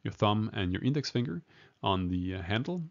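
A man with a gravelly, fairly low voice gives a casual medical teaching talk, stopping and restarting often with plenty of ums. The recording sounds dull and lo-fi. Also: big pitch swings, moderate pace. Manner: hesitant, many fillers and restarts, chuckles at himself. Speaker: emergency medicine lecturer. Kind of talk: informal medical lecture.

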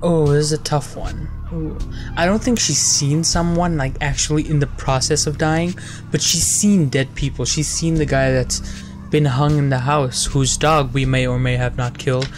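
A woman gaming YouTuber talking through a game in a low voice. Her delivery is deadpan and joking, with faint game music under her. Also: normal speed. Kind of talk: let's play commentary.

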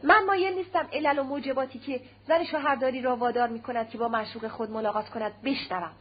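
Woman reader doing a stern aristocratic husband, harsh and commanding, slightly high voice, muffled audio, faint hum. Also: steady tone, breathy edge. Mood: contemptuous. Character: stern cold aristocratic husband, middle-aged man.

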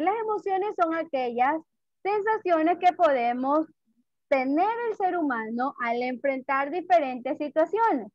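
A woman teaching an online class for young children, acting out emotions in a slow, sing-song way. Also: sits high, dry recording. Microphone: video call. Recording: dull lo-fi video call audio.

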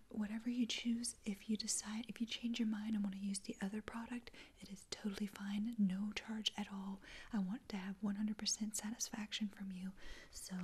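A young woman in a whispered role-play as an attentive, reassuring spa attendant, speaking softly and close up. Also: mid-range voice, a little hiss or hum. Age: young adult. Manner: soft-spoken, attentive, reassuring customer-service talk. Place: small dim indoor room.

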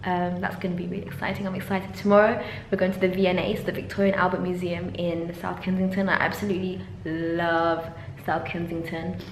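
A lowish voice, a slightly fast pace and few pauses mark this chatty young woman from London, animated and full of ums and laughs. She's a PhD student vlogging casually to camera in an indoor university office lab. Filming goes from a desk camera to handheld selfie, in a very echoey room with a faint hum.

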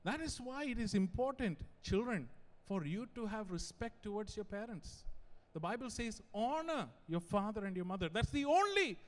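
High-pitched young pastor in a reverberant hall. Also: male voice, normal speed, few pauses. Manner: animated, digressive, joking asides. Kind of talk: sermon. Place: large church hall. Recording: long church-hall reverb.

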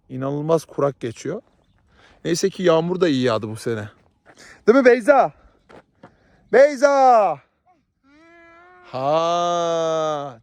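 A man's voice: on the high side, a little mellow, no room sound. Playful, teasing man vlogging outdoors. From Southeast Turkey. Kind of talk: casual vlog chat. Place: outdoors in a rural village with livestock.

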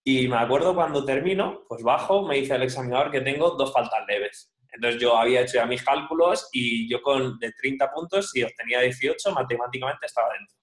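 A man telling a story in a calm, measured way during a casual chat. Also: mid-range voice. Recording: roomy echo.

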